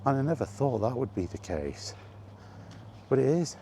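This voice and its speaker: Medium in pitch but swinging widely up and down, his dark-toned voice moves at a moderate pace over a little hiss or hum. The man is a vlogger walking and talking with ambient noise around him, casually rambling in a weary, complaining solo-vlog style.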